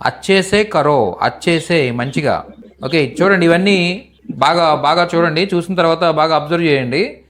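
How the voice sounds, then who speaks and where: A man's voice: fairly high pitch, normal speed, fairly bright tone. Patient man drilling phrases. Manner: patient, repeats each phrase several times. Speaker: Hindi teacher. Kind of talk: live online language class.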